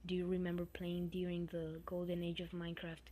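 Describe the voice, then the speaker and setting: A woman reading the message of a trapped male game entity pleading for help, in a hushed, partly whispered voice. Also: fairly low pitch, monotone, fairly quick, a little hiss or hum, lightly acted.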